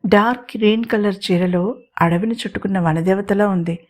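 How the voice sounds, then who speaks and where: A woman's voice: medium pitch, normal speed. Woman narrating an audio story. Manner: steady, expressive reading. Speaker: storyteller and channel host.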